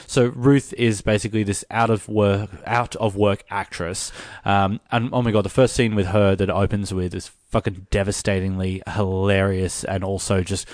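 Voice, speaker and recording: A man's voice: on the low side, dry recording, clean studio sound. A man co-hosting a casual review podcast, retelling scenes with swearing and playful acted quotes. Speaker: co-host.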